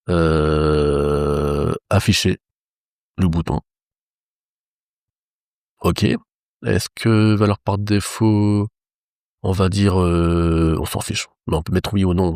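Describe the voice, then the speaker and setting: A man's voice: lowish voice, darkish tone, no room sound, studio quality. A man teaching web development, explaining each step of a screen-recorded tutorial to his viewers.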